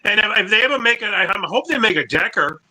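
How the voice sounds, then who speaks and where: A man chatting casually as co-host of a collectibles show, rambling with halting restarts, his voice clipping and distorted through a phone mic. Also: high-pitched, big pitch swings, bright, forceful tone. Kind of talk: casual online show chat.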